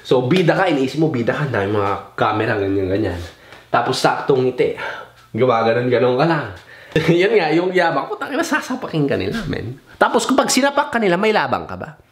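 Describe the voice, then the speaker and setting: Animated young Filipino-sounding vlogger man. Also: mid-range voice, brisk, a little hiss or hum. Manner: mixes Tagalog and English, swears casually, mimics other people; rambling and loose, loses his train of thought. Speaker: vlogger giving advice. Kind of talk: casual advice vlog.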